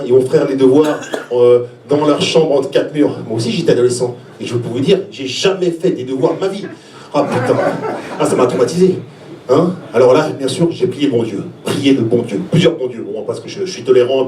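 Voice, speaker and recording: A man with a Swiss French accent doing a stand-up comedy routine on a small club stage, telling self-mocking stories. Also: mid-range voice. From Switzerland. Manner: animated, self-mocking storytelling. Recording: echoey club, far mic, audience. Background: audience.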